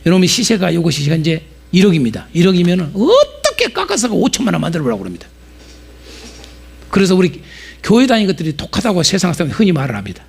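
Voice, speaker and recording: A middle-aged man preaching a lively sermon-lecture in a church, animated and jumping between quiet asides and loud acted-out outbursts. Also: sits high, fast, vocal fry, slightly rough. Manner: animated, acts out market sellers with sudden loud outbursts. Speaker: pastor and Bible lecturer.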